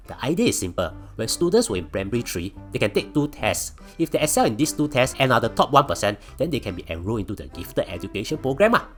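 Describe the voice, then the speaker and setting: A man speaks in a strong, colloquial Singaporean accent as he hosts an explainer. His delivery is quick and very animated in pitch, full of Singlish particles. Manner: colloquial, frequent sentence-final particles. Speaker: explainer video host. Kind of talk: casual Singlish explainer to viewers.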